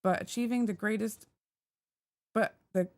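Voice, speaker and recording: A woman's voice: mid-range voice, steady tone, a little slow, close to an everyday voice. Woman reading as an earnest young female racer. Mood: wistful. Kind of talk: reading a skit script aloud.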